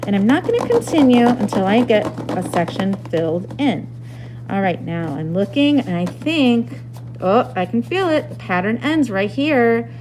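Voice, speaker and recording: Woman, upbeat children's presenter, art teacher, very animated intonation, step-by-step craft instruction, faint background noise. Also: a little high, moderate pace, poor audio. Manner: bright, upbeat kids' presenter talk, addressing children directly; simple step-by-step explaining with encouraging check-in questions. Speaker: elementary school art teacher. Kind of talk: children's craft lesson, demonstrating to camera. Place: indoors in school stairwell and hallway.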